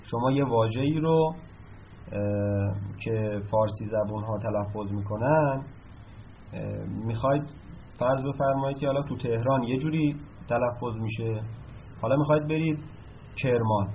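A man's voice: medium pitch, slight background noise. A man teaching a lesson, explaining patiently and asking himself questions before answering them. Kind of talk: recorded lesson on Arabic verb patterns. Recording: slightly dull sound, faint room ambience.

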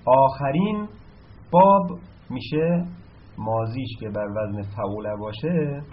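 A man's voice: medium pitch, expressive, crowd noise. A man teaching a lesson, explaining patiently and asking himself questions before answering them. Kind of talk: recorded lesson on Arabic verb patterns. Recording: slightly dull sound, faint room ambience.

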